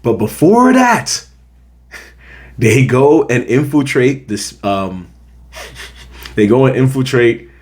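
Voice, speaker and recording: An American film review host talks to camera in a casual, opinionated movie review, animated and emphatic, repeating points to make them stick. His medium-pitched, darkish voice takes things slowly, with long pauses.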